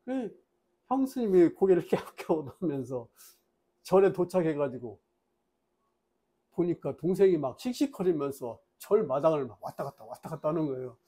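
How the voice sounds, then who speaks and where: A man giving a Buddhist dharma talk, telling a story in a lively way and acting out the voices in it. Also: a little high, normal speed, husky. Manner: lively storyteller, acts out voices in his tales; plain, explanatory lecturing.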